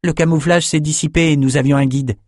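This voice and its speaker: An eager young swordsman, pitched well above the reader's own voice, as a male narrator puts him on. He talks in a high, insistent rush, and the audiobook sound is dry and close. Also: steady tone, a little fast, a little mellow, dry recording, lightly acted.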